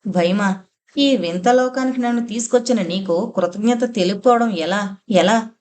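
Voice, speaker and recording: A woman's voice: medium pitch, normal speed, a little mellow, natural voice. A woman voicing an entranced young man in a suspense audiobook, speaking in a pleading, lovestruck tone. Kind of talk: audiobook character voice.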